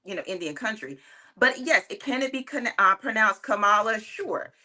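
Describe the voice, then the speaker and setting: A woman's voice: on the high side, lively intonation, normal speed, bright, forceful tone. A woman speaking as a guest in a casual discussion, earnest and opinionated, with plenty of likes and ums. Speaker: panel guest.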